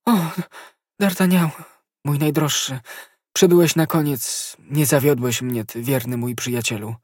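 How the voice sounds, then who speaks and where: A man's voice: mid-range voice, fairly even intonation, a little slow, breathy edge, no echo, clean studio sound, pitched above the performer's own voice. A man voicing a loving, frightened young woman who is dying of poison, with a breathless, pleading delivery. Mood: joyful.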